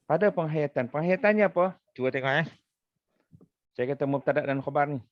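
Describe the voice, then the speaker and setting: A man's voice: fairly high pitch, brisk, no room sound, lo-fi sound. A man with a Malaysian accent teaching an Arabic grammar lesson as a religious teacher, patiently explaining with repeated examples.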